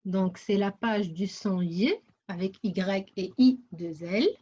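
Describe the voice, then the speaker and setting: A woman teaching a reading lesson to young children, sounding out syllables and repeating words slowly and deliberately. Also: medium pitch, warm tone, husky. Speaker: primary school teacher. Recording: dull lo-fi recording.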